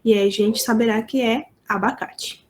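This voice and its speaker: A woman's voice: on the high side, steady tone, slight background noise. A woman with a Brazilian Portuguese accent teaching a lesson, explaining step by step and checking often that students follow. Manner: slow, deliberate explaining with frequent checks for understanding. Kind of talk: online lesson explaining sign language phonology.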